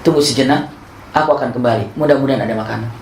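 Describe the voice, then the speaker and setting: Man doing humble ruler, calm, earnest, measured, echoey. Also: mid-range voice, slight background noise, natural voice. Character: humble, caring male caliph. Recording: echoey room.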